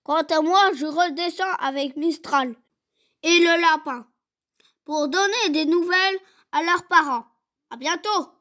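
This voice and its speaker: A woman voicing a brave young male bear cub who leads his cousins, slow and earnest. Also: very high-pitched, fairly bright tone, voice pushed up.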